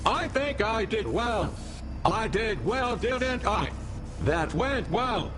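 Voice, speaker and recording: An actress voicing a small, eager toy-like robot in a video game, speaking in stilted, literal phrases with naive pride. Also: female voice, fairly high pitch, big pitch swings, takes it slowly. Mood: proud, eager. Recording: music behind the voice.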